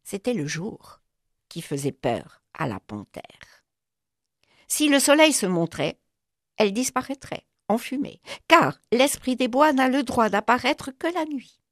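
A woman's voice: unhurried, no room sound, studio quality. A woman storyteller reading a children's storybook aloud, narrating expressively. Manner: expressive, with sweeping pitch.

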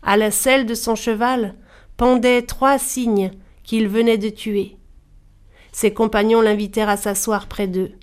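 A woman's voice: fairly high pitch, fairly even intonation, a little slow, smooth. Woman telling a folk tale. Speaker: storyteller. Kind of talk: storybook narration.

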